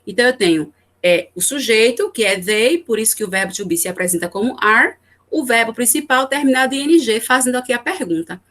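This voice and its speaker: A woman's voice: on the high side, expressive, a little fast, fairly bright tone. A Brazilian woman teaching English in a recorded class, explaining rules step by step and answering her own questions with little check-in tags. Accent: Brazilian Portuguese. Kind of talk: recorded online class lecture.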